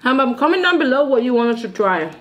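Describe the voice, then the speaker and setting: A woman's voice: sits high, very animated, quick pace. A woman from the Philippines co-hosting a food vlog, chatting casually and asking viewers to comment. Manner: easygoing, prompts viewers and partner. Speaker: food vlogger. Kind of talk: casual food-tasting chat.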